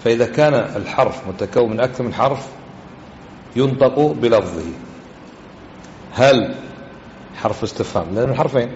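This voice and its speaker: This religious teacher's mid-range, slightly mellow voice moves briskly through a classroom lesson on grammar and hadith, punctuated by long pauses. He fires repeated questions at his listeners, heard through echoey, dull lo-fi audio with a faint hiss.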